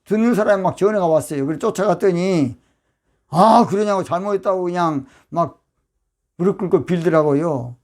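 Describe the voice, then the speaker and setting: An older man, a pastor from Yeosu with a Jeolla accent, preaching a fiery, emphatic sermon that breaks into sudden loud outbursts. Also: high-pitched, a little fast. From Yeosu, Jeolla province, South Korea.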